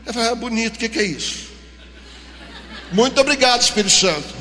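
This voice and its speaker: Brazilian male pastor, forceful high voice, lively storytelling sermon, reverberant church hall. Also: fast talker. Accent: Brazilian Portuguese. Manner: animated storytelling, acting out dialogue.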